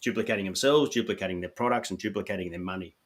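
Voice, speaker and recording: With a low-pitched voice and a racing pace, this Australian podcast host keeps things upbeat and coach-like in casual chat. He has an Australian accent and leans on "you know" a lot.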